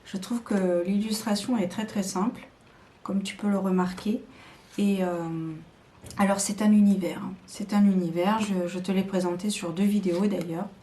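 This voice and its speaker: A woman's voice: medium pitch, steady tone, normal speed, mellow. A woman showing tarot decks to camera in a casual, hesitant chat full of fillers and restarts. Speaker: tarot video creator.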